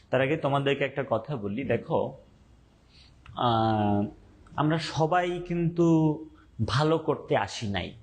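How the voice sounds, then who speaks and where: A young man with a medium-pitched voice teaches an online class, speaking slowly and deliberately, repeating points and quizzing his students.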